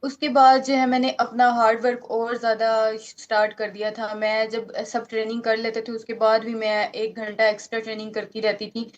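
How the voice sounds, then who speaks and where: A 19-year-old woman boxer from Pakistan with a Pakistani Urdu accent, answering interview questions earnestly, often pausing and restarting. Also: a little high, monotone, muffled recording. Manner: earnest, halting, many fillers and restarts.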